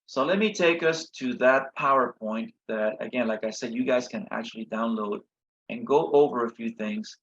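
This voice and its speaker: Tired, husky-voiced man teaching a review session. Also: medium pitch, a bit bright. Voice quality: husky, slightly worn voice. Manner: halting, frequent checking "okay?" and "right?". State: tired, voice a little shot. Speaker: chemistry instructor. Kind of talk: informal review lecture. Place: online video session from a computer. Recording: slightly dull lo-fi audio.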